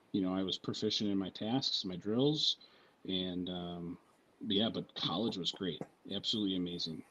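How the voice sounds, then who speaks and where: A military veteran guest telling stories on a podcast in a casual, profane, rambling way, often checking in with "right?" and "you know what I mean?". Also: male voice, deep voice, a bit bright, muffled recording.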